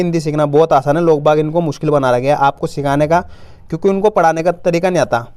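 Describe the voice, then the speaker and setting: A man's voice: fairly high pitch, darkish tone, no room sound. A man teaching children to read, patiently sounding out each word and answering his own questions. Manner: says "apan" for "we", informal spoken Hindi. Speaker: Hindi reading teacher. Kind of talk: step-by-step reading lesson.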